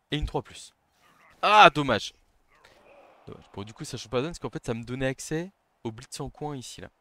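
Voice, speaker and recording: A man commentating his own board game match live, talking tactics under his breath and shouting when a play succeeds or fails. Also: medium pitch, dry recording. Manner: excitable, shouts on big plays, then murmurs tactics. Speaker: gaming commentator.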